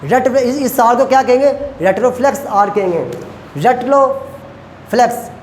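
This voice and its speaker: A male lecturer who teaches Chinese pronunciation, repeats syllables slowly and quizzes his students. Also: very high voice, a little mellow. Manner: asks students questions. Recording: echoey room, faint ambient noise.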